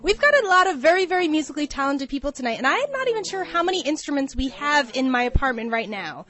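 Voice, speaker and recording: A woman's voice: high voice, big pitch swings, quick pace, fairly bright tone. A woman hosting a casual chat at an apartment party, giggly and exuberant, rambling on between laughs. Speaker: host. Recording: noisy house party crowd. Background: party chatter.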